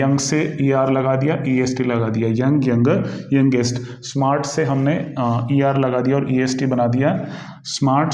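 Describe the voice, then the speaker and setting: A male English teacher with an Indian accent giving an exam-prep grammar lesson, explaining slowly, repeating himself and pausing often. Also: mid-range voice, a little mellow, muffled recording. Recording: echoey room.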